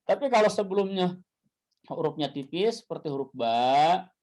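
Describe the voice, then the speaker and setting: A man with an Indonesian accent teaching Quran recitation, chanting Arabic verses slowly and then explaining them, asking questions and answering them himself. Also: fairly high pitch, lively intonation, a little mellow. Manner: repeats key points and asks himself questions. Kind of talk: classroom lesson on Quran recitation. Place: classroom with a whiteboard.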